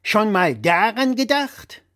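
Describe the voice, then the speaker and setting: Man voicing a blustering father, opinionated, emphatic, raised voice, lively pitch, dry close sound. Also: slow, no echo, exaggerated voice. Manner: loud, emphatic, lecturing.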